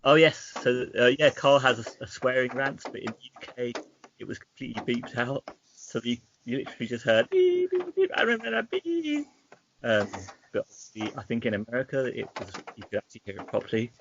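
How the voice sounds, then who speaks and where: A man co-hosting a casual podcast, recapping at length with restarts and often trailing off quietly. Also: medium pitch, sing-song, a little fast. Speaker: podcast co-host. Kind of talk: casual chat. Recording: dull lo-fi with faint noise.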